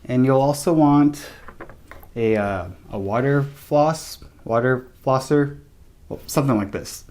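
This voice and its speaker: Low-key young man chatting casually. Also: a little slow, a little mellow. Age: young adult. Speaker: vlogger giving recovery tips. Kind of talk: casual chat to camera. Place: small room indoors, seated at a table.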